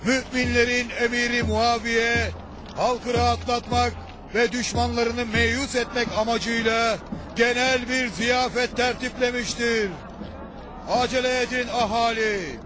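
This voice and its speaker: An actor playing a town crier in a historical drama, calling out formal proclamations to the people in drawn-out phrases. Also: male voice, extremely high pitch, little pitch movement, music in the background. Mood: proclaiming. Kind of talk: dubbed historical drama acting.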